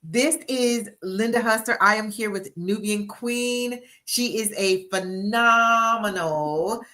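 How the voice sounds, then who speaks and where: A woman's voice: medium pitch, takes it slowly, bright, forceful tone. A woman in her sixties hosting a livestream interview as a book coach, upbeat and encouraging, often repeating herself on a video call. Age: 60s.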